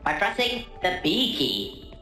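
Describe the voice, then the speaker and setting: A woman voicing a gentle female AI helper robot that guides the listener in a soft, announcer-like way. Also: lowish voice, big pitch swings, slow. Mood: helpful. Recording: echoey with loud music behind.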